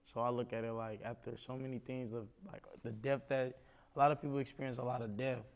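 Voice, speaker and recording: Young man from East Oakland, gravelly, flat delivery, searching for words. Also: medium pitch. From East Oakland, California. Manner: halting, searching for words, many "like" fillers. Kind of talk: candid group discussion.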